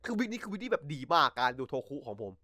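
A man hosting a casual podcast from home over a voice chat call, recapping episodes in an excitable, slangy way and swearing freely. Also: on the high side, rapid-fire, dry recording, clean studio sound. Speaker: podcast host. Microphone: computer mic over voice chat.

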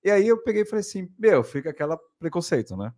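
Animated São storyteller man. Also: high voice, quick pace. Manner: animated storyteller, acts out scenes with laughter. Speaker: podcast co-host. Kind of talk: casual chat.

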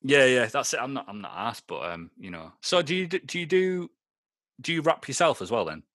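A man's voice: medium pitch, sing-song, brisk, a bit bright, dry recording. A young Scottish man hosting a podcast, chatting casually, rambling and swearing, laughing often. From Scotland. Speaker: podcast host. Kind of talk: casual chat.

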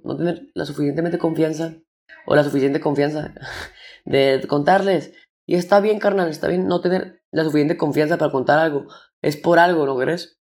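A young man with a Mexican Spanish accent, hosting a solo podcast from home in a rambling, slangy, self-interrupting way. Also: on the high side. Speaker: podcast host. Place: home room.

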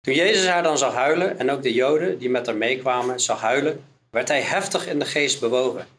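A man's voice: medium pitch, fairly quick, fairly bright tone. A man with a Dutch accent preaching a sermon, reading Bible verses aloud and explaining them one by one. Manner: reads scripture aloud, then explains it verse by verse.

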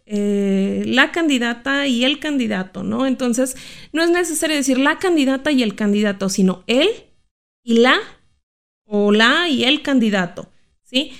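A woman's voice: fairly high pitch, expressive, measured pace. A woman, a guest expert who explains inclusive language in a careful, reflective way, asking rhetorical questions. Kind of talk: explanatory interview talk.

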